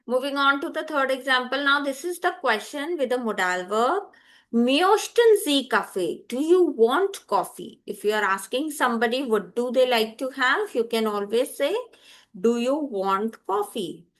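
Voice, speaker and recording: Slow, careful woman teaching. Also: sits high, animated. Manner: repeats each word slowly and clearly for learners. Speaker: language teacher. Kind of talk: slow, deliberate vocabulary lesson.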